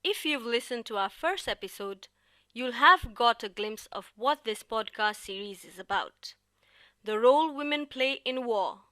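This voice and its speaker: A woman from Nepal co-hosting a podcast, giving measured, scripted narration. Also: on the high side, lively intonation, pushed and bright, no room sound. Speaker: podcast co-host.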